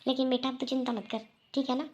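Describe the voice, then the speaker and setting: A woman's voice: high-pitched, level tone, quick pace, a little mellow, highs cut off, natural voice. A woman voicing a middle-aged mother-in-law in a cartoon, remorseful and kindly, who reassures and repeats herself. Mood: reassuring. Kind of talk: Hindi cartoon voice acting.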